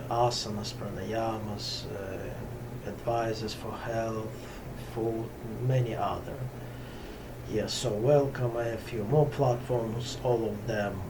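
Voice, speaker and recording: Recorded from across a small, hot room in a Brooklyn home ashram, a middle-aged Russian-speaking yoga teacher talks unscripted to the camera in a lowish voice. He goes slowly, stopping often to find words and using many fillers, with steady noise in the background.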